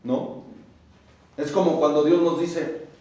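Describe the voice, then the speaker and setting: A man preaching a sermon, reading scripture slowly and often asking his listeners "¿no?". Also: on the high side, steady tone, dark tone. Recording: echoey room, voice from a distance.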